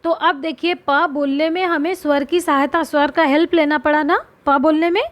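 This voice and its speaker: A woman's voice: sits high, steady tone, moderate pace, no room sound. A woman teacher explaining a grammar lesson to young schoolchildren, asking questions and answering them herself, and drawing out single letters and words. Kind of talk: Hindi grammar lesson for children.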